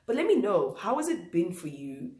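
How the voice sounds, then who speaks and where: Low nasal, croaky, breathless woman vlogger. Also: big pitch swings, moderate pace, dark tone, echoey room. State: congested with flu, short of breath. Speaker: vlog host. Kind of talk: casual reflective talk to viewers.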